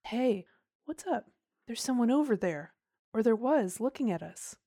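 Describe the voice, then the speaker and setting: A woman plays a jumpy young boy in a storybook, wary and uneasy. His voice sits higher than the reader's own, with a warm, dry tone. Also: animated, unhurried. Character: nervous young English boy, wary and sensitive.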